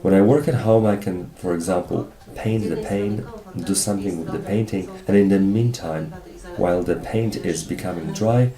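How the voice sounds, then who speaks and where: A man reads an interview voice-over in a low, mellow and gravelly voice. His phrasing is formal and a little stilted. The recording sounds roomy, with music playing behind him.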